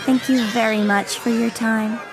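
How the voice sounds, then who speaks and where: A woman's voice: fairly high pitch, fairly even intonation, moderate pace, very noisy, natural voice. A woman playing a mild, earnest young thief in a cartoon dub, polite and plain-spoken. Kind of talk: animated dub dialogue.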